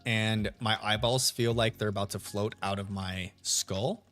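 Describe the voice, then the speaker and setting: With fairly even intonation and a measured pace, a man chats with his live stream audience while hunting shinies. His voice is deep and radio-style, his tone laid-back, and he greets viewers by name over soft lo-fi music.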